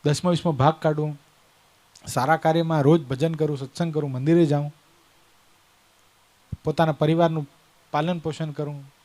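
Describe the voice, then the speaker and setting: A man's voice: fairly high pitch, level tone, moderate pace, pauses often, darkish tone, pitched below the performer's own voice, close to an everyday voice. A man voicing a complacent, self-assured male lay devotee.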